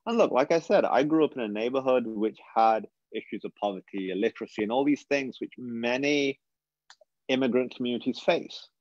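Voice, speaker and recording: A British man from England in his thirties gives a webinar talk as a guest speaker, earnest and reflective, often restarting his sentences. His mid-range voice has a darkish tone, with no room sound and cut-off highs.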